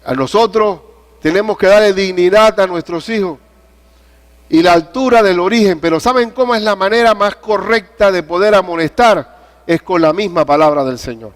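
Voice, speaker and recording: Older male pastor, high-pitched preacher. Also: moderate pace. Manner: animated preaching with storytelling and questions to the congregation. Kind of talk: sermon.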